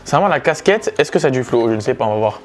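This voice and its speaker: A young man chatting casually on his vlog, slangy and animated, laughing often. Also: mid-range voice, racing, soft background music. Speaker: vlogger.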